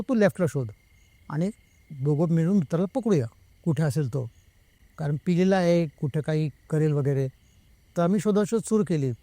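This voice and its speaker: A man's voice: fairly high pitch, warm tone, no echo. A man casually telling a true spooky story as a guest, acting out what others said himself and slipping between two languages. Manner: retells the talk of others himself, slipping between Marathi and Hindi.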